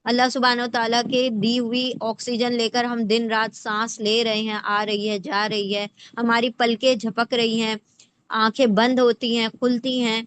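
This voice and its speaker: Female teacher voice, slightly high pitch, spells out word parts slowly with frequent check-ins, light background hiss. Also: little pitch movement, a bit bright. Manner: checks in often with rhetorical questions; breaks words into parts slowly. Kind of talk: explanatory lesson.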